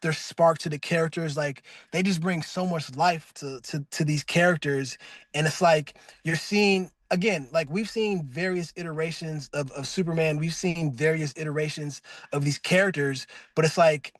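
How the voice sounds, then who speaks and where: Speaking at a moderate pace in a dry recording, a man guesting in a casual interview gushes about voicing a cartoon character. His talk is loose and effusive, packed with "like" and restarts, and he calls his own voice really deep.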